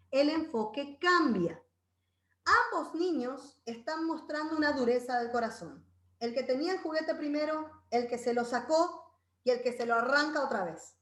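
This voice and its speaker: A woman with a high, fairly bright voice leads an informal Bible class on parenting, speaking conversationally in a roomy-sounding space. She often checks in with her listeners, tagging phrases with "¿verdad?", and acts out children's voices in quotes.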